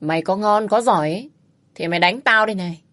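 A woman's voice: medium pitch, moderate pace, close to an everyday voice. A woman voicing a cool, aloof man who speaks curtly and mockingly in a spoken audio story. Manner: calm, dry, curt, mocking.

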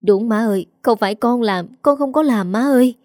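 A woman's voice: fairly high pitch, brisk, a little mellow, dry recording, clean studio sound, natural voice. A woman reading a story, voicing a beaten young wife who pleads desperately with her mother-in-law. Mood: pleading. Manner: desperate begging.

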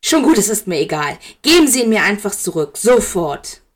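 A woman reading a bitter, furious male wizard teacher in a fan fiction audiobook, with a sharp, accusing delivery. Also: mid-range voice, big pitch swings, normal speed. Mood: angry.

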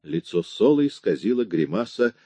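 Deep-voiced man reading an audiobook. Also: very animated, normal speed, mellow, no room sound. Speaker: audiobook reader. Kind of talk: scripted audiobook narration.

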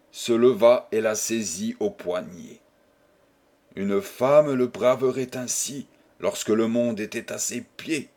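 Male audiobook narrator, measured literary reading. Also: mid-range voice, darkish tone. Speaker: audiobook reader.

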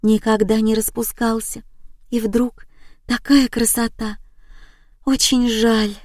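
Storybook figure: woman reader voicing a dazed young woman, high and breathless, dry close sound. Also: level tone, slow, a little mellow, no room sound.

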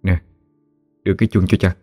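A man voicing a gentle, grieving widowed father in a spoken story, talking softly and tenderly. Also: sits low, little pitch movement, a little fast, soft background music, lightly acted. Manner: soft, hushed and gentle.

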